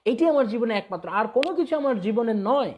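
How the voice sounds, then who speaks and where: A man's voice: very high voice, expressive, brisk, darkish tone, a little hiss or hum. A man with a Bengali accent, a spiritual teacher answering viewer questions in a devotional talk, reading each question aloud and then explaining it with everyday examples.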